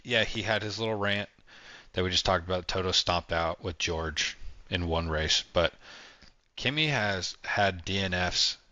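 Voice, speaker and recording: A man's voice: low voice, pushed and bright, dry recording, lo-fi sound. A man co-hosting a casual sports podcast, giving blunt, emphatic opinions. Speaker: podcast co-host. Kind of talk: casual chat.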